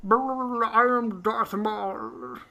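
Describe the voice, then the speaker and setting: A menacing male space villain, put on by a woman, his voice chopped into a warble as if spoken into a spinning fan. It is a jokey, kid-style impression, a little higher than her usual voice. It sounds slightly distant from the mic. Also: drawn-out words, bright, forceful tone, exaggerated voice. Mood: mock menacing. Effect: choppy warble, as if talking into a spinning fan. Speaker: podcast co-host.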